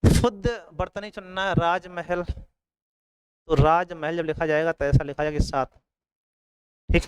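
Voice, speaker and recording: A man's voice: on the high side, flat delivery, measured pace, long pauses, smooth, no echo, low-quality recording. A man teaching an exam coaching lesson, repeating each word and often checking in with his students.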